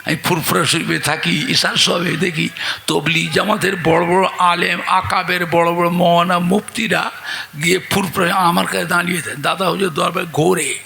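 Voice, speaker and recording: A man preaching a waz sermon, acting out the voices in his stories and shouting out to the crowd. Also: high-pitched, flat delivery, normal speed, creaky, a little hiss or hum. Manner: acts out dialogue in his story, shouts to the crowd.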